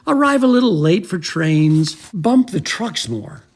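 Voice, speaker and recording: A man voicing a seasoned male steam engine who gives dry, slightly halting advice in a husky, gravelly voice, in a fan audio drama. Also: high voice, very animated, exaggerated voice. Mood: advising.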